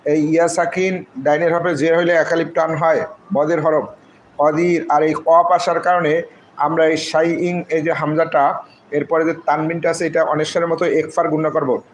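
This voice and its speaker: A man teaching recitation in a fairly high, level voice that hardly rises or falls. He spells each syllable slowly and draws out the vowels as he recites the verse phrases. A faint hiss sits under the recording. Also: flat delivery, low-quality recording. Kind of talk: spelling out and reciting Arabic letter by letter in a live class.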